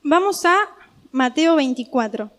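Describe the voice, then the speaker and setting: A woman with an Argentine Spanish accent preaching a sermon, telling a personal story in a lively, conversational way. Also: high-pitched, measured pace.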